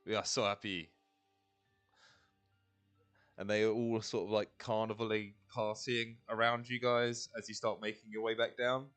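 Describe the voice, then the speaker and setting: A man working as game master, improvising narration in a halting, casual way as he searches for words. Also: on the low side, little pitch movement, fairly bright tone, soft background music.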